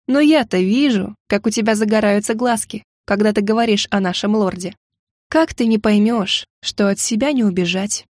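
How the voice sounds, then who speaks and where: A woman voicing a kindly male cook who talks patiently and chides gently. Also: medium pitch, normal speed, dry recording, studio quality, close to an everyday voice. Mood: chiding.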